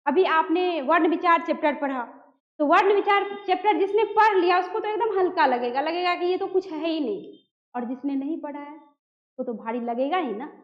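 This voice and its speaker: High-voiced woman teaching in an echoey room. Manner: addresses students as children, asks and answers own questions. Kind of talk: classroom grammar lesson. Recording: echoey dull room recording.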